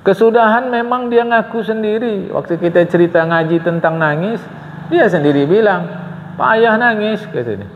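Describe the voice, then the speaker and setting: An older man lectures a congregation on religion, and his voice sits fairly high. He speaks earnestly, stops often to address his listeners and asks them rhetorical questions. The long hall echo and the dull, lo-fi recording make him sound distant. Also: lively intonation, moderate pace, a little hiss or hum. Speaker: religious teacher. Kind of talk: Islamic study lecture.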